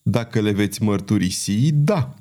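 A man voicing a calm monk in an audiobook, speaking in a measured, cool manner. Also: on the low side, lightly acted. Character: calm young monk hearing a confession. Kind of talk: audiobook character reading.

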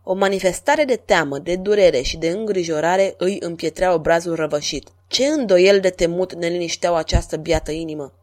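A woman reading a historical tale aloud as narrator, in a steady, measured way. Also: fairly low pitch. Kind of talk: storybook narration.

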